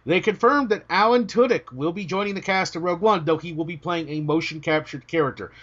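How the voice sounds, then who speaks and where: A British man co-hosting a casual podcast chat, joking and cutting himself off, his voice starting to go hoarse. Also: on the high side, a little fast. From Britain. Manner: animated, joking, self-interrupting. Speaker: podcast co-host. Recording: dull lo-fi audio.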